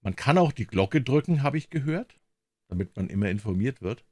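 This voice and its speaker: A man calmly reading aloud a classic fairy tale in a measured way, recorded close to the mic. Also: mid-range voice, no echo. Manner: calm, measured. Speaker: storyteller.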